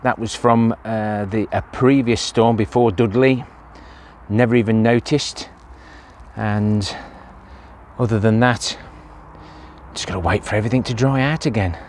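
Unhurried and a bit mellow, a man with a lowish voice gives a casual, plain-spoken allotment vlog outdoors in and around a greenhouse, sprinkling in many "uh" fillers. Slight background noise is audible.

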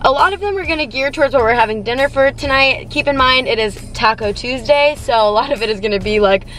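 A young woman with a fairly high voice chats in a bubbly, animated way. She talks to a camera on her dashboard while sitting in a parked car. Faint cabin noise hums behind her. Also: fast talker. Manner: bubbly, chatty, animated hand gestures. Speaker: vlogger. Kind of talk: casual grocery haul chat.

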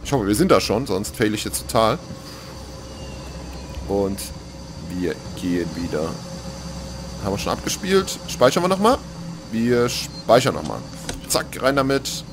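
Lively, low-voiced game commentator. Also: male voice, measured pace, long pauses, noisy background. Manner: excitable, jokey, drops to whispers in tense moments. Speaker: let's play commentator. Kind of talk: gaming commentary. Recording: gameplay music playing behind.

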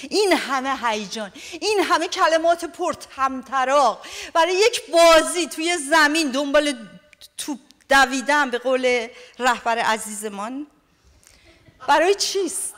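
A woman's voice: sits high, a bit bright, big-room sound. A woman pastor giving an emotional sermon, telling a personal story and addressing the listeners fondly.

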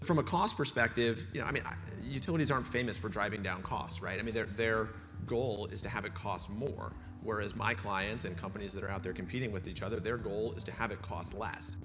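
A man's voice: lowish voice, brisk. A middle-aged man, an attorney, arguing emphatically in an onstage panel debate, with some fillers and restarts. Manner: emphatic, argumentative, with hesitant fillers. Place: conference stage, seated in an armchair. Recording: reverberant hall audio with music.

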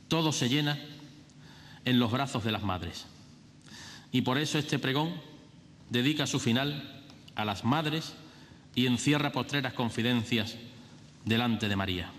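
A man's voice: mid-range voice, a bit bright. Reverberant hall, background hiss, middle-aged man, solemn herald-like proclamation, theatrical religious verse. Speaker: festival orator giving a Holy Week proclamation. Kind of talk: declaimed religious verse oratory. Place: large theatre stage. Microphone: lectern microphone.

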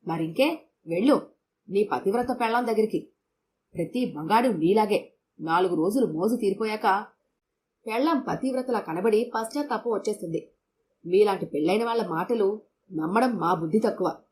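A woman voicing a sharp-tongued young working woman who answers curtly and quickly. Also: medium pitch, slight background noise, lightly acted. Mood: scornful. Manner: curt, quick, snappish.

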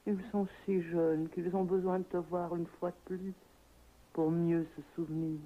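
An actress playing a calm old servant in a 1960s radio drama, speaking quietly and bluntly. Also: female voice, on the low side, unhurried. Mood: soothing. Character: calm old servant Georgine, weary and matter-of-fact. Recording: muffled old radio recording.

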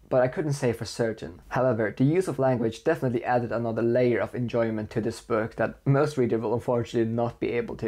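Surrounded by bookshelves indoors, a mellow-voiced young adult reviews books from a script. He is from the Faroe Islands, Faroese is his first language, and his mid-range voice lays out enthusiastic praise one measured step at a time.

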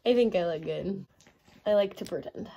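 A woman's voice: medium pitch, normal speed, warm tone. A young woman vlogging in casual chat, chatty and giggly, filmed on her phone. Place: bus on a trip. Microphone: phone camera. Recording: crowded bus with chatter and noise.

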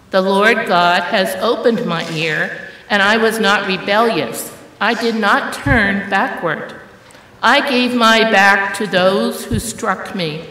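A woman gives a formal scripture reading in a solemn, deliberate way. She takes her time at a middle pitch, and the church carries a long reverb around her voice. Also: a bit bright. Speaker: scripture reader. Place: large church, indoors.

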